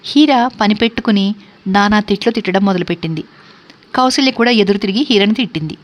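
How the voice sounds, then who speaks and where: A woman storyteller narrating a classic novel in a steady, measured reading voice. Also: medium pitch.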